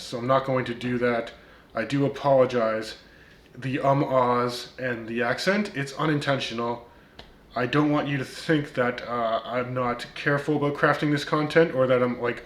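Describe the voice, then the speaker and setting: Here a channel host who reviews watches addresses his critics with dry comebacks, filling his casual vlog with ums and uhs. His mid-range voice is steady and a bit bright, at normal speed, with a slight Turkish accent and a roomy sound.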